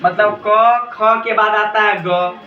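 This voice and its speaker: A man's voice: sits high, steady tone, takes it slowly, muffled recording. A man teaching grammar to a class, asking questions and repeating the students' answers back. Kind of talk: classroom lecture with call-and-response. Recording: echoey classroom from far off with students.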